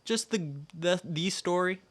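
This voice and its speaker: A young man co-hosting a casual podcast, rambling and joking, quick to laugh. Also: high voice, a bit bright. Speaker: podcast co-host. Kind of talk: casual chat.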